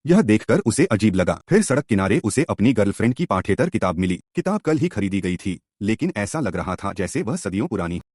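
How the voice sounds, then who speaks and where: A man's voice: lowish voice, big pitch swings, a little fast, few pauses, darkish tone, no echo, clean studio sound. A man narrating a film plot recap in a scripted, suspenseful storytelling manner.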